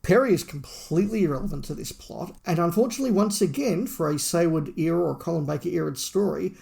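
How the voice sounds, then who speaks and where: Quick and lively, this man's fairly high voice carries vocal fry and a darkish tone as he co-hosts a podcast. He reviews an audio drama with strong opinions in relaxed conversation, often repeating phrases to drive points home.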